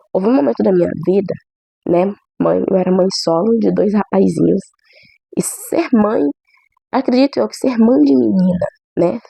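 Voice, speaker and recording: A young Brazilian woman with a cold and a hoarse voice, chatting through a church testimony and tagging "né?" onto her sentences. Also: medium pitch, dark tone, no room sound. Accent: Brazilian Portuguese. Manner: chatty, many "né?" tags. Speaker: church member giving testimony. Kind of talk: casual testimony to camera.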